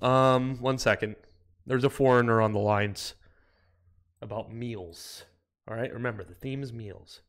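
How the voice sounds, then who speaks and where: On a live stream from a small room, a young man chats casually, excitable and profane, breaking into loud outbursts. His voice sits at medium pitch with a measured pace.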